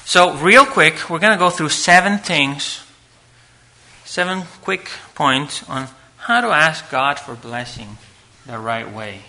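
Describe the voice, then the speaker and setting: A man preaching a sermon to a congregation at a pulpit microphone, earnest, reading scripture aloud and swinging between loud emphasis and hushed asides. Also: a little high, takes it slowly.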